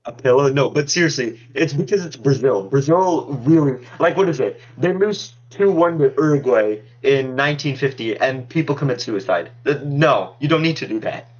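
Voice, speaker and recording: A man's voice: mid-range voice, animated, moderate pace, hardly any pauses, breathy edge. A man in casual sports chat whose voice sounds muffled, as if he is talking into a pillow or a fan, rambling loosely with fillers. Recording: dull, muffled lo-fi mic.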